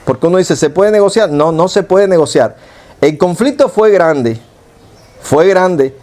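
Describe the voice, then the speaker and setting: A man's voice: a little high, animated, unhurried, darkish tone. A man preaching a conversational sermon in Cuban Spanish, asking rhetorical questions and correcting himself as he goes. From Cuba. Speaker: pastor.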